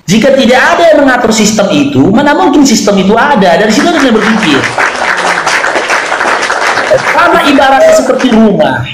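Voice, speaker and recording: A man with a high voice lays out an argument step by step, taking part in a live online debate. His voice rings in an echoey room, with a faint hiss behind it. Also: sing-song, a little fast, a crowd in the background. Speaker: debate participant.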